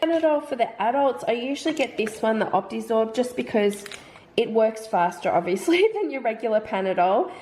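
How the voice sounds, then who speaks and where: Slightly nasal from hay fever, an Australian mum vlogger in her thirties chats her way through a product haul at home and thinks out loud about prices. She talks fairly quickly in a somewhat high, a little mellow voice with lively intonation, over slight background noise.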